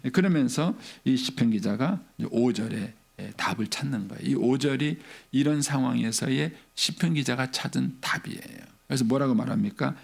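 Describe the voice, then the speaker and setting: A man's voice: mid-range voice, moderate pace, creaky, few pauses, breathy edge. A middle-aged male pastor giving an early-morning church sermon in a conversational way, asking rhetorical questions and acting out an inner dialogue. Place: church sanctuary.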